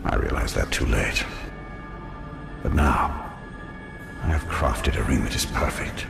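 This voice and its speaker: A man's voice: extremely low pitch, unhurried, vocal fry, over music, heavily acted. A man playing a proud, brooding elven wraith in a game cutscene, grave and imperious. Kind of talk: dramatic game cutscene acting.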